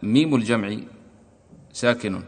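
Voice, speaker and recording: A man teaching a recitation lesson in a deliberate, explanatory manner, slowly repeating his examples. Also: lowish voice. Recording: long hall reverb.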